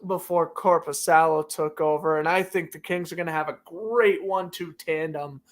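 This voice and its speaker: A man's voice: fairly high pitch, fairly even intonation, normal speed. A man hosting a sports show, calling hockey play-by-play and chatting casually with filler words and restarts.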